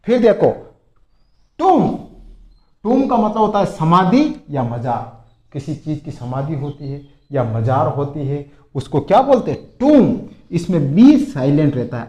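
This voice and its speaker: Lively man teaching in an echoey room. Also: a little high. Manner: lively, repeats words for emphasis. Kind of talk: spoken vocabulary lesson.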